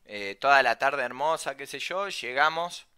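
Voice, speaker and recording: A young man with a Rioplatense Spanish accent casually telling a travel anecdote, slangy and animated, swearing freely. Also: medium pitch, normal speed, clear, resonant tone. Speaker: storyteller.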